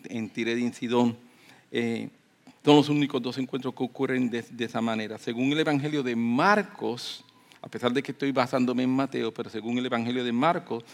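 A man preaching a sermon, moving from calm teaching to loud emphatic peaks and acting out the voices of people in the story. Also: mid-range voice. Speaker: pastor.

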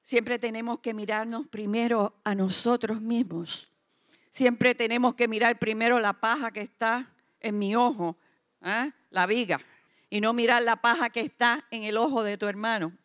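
A woman preaching a sermon to a church service. Her voice sits high, and she builds to loud, emphatic declarations that she repeats for weight. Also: fairly even intonation, moderate pace.

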